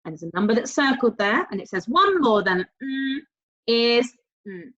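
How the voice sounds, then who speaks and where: A woman teaching a recorded primary school maths lesson, talking directly to young pupils in an encouraging, sing-song way with drawn-out key words and prompting questions. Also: a little high, big pitch swings, fairly bright tone. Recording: dull, lo-fi sound.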